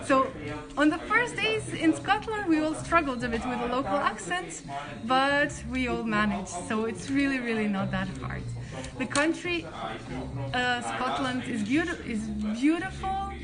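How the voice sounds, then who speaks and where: High-voiced woman. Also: expressive, measured pace. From Croatia. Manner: friendly, chatty, many restarts. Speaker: accommodation staff hosting a live stream. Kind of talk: live-stream Q&A, reading chat questions. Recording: crowd chatter behind.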